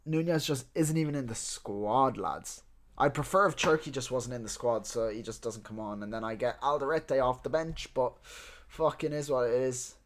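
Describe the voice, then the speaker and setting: A man hosting a live stream, chatting casually to viewers about team news, excitable and quick to swear. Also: mid-range voice. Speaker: fantasy football streamer.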